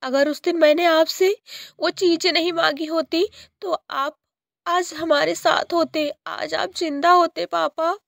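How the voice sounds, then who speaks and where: A tiny girl sparrow from a cartoon storybook, squeaky and high, pleading in a small tearful voice, as a woman puts her on. The sound is close and dry, with no room around it. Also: measured pace, no echo. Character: cheerful then grieving little girl sparrow.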